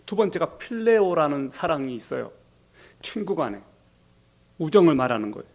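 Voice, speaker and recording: A man preaching a sermon as pastor, telling the story and acting out quoted lines in a softer, lower voice. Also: sing-song, moderate pace.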